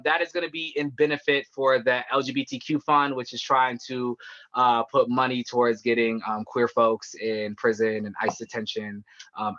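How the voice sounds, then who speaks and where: A man's voice: mid-range voice, sharp tone. A man, the featured poet of an online reading, reading poetry over a video call and then giving casual announcements full of fillers. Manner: rhythmic and intimate when reading, loose and filler-heavy when talking. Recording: dull lo-fi video call audio.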